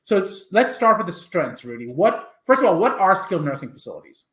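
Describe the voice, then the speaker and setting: A man hosting a podcast interview, reading a sponsor spot and asking upbeat questions with quick restarts. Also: high-pitched, sing-song, fairly bright tone, echoey room. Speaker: podcast host.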